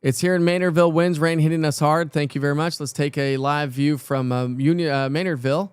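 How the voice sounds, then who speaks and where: A man's voice: on the high side, steady tone, fairly quick, clean tone, no echo, studio quality. A man presenting live severe weather coverage off the cuff, talking informally and directly to viewers.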